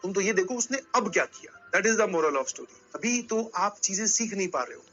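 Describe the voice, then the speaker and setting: A man's voice: high-pitched, animated, moderate pace, pushed and bright, highs cut off, soft background music. A male coaching teacher giving a motivational lecture to students. He tells stories and talks to them directly, scolding them at times.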